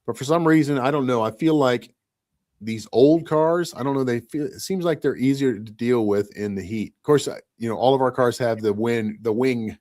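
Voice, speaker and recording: A Michigan man in his fifties rambles reflectively in a casual podcast chat, often saying "you know what I mean." His medium-pitched voice is a little mellow, at a moderate pace.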